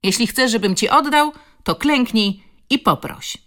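A woman's voice: fairly low pitch, lively intonation, a little slow. A woman voicing a cocky schoolboy bully who jeers and sneers. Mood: jeering. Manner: jeering, sneering.

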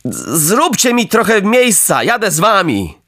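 A man's voice: high voice, huge pitch swings, unhurried, a bit bright, no echo, studio quality, voice pushed up, full character voice. Pinocchio, a man doing a wooden puppet boy. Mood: eager. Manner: earnest, pleading. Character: wooden puppet boy, eager yet wavering.

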